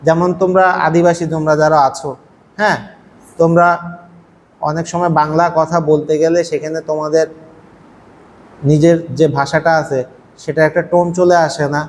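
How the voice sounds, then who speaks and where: Man teaching a class, kinda high voice, lots of "right?" questions, echoey hall w faint hiss. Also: flat delivery, moderate pace, long pauses, darkish tone. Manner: explains patiently with rhetorical questions to students. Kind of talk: classroom lecture. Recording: faint noise, long hall echo.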